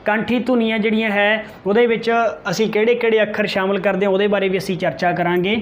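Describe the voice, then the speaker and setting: A male teacher giving an exam-prep grammar lesson, repeating key terms, slowly sounding out example letters and answering his own questions. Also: high voice, flat delivery, a little hiss or hum.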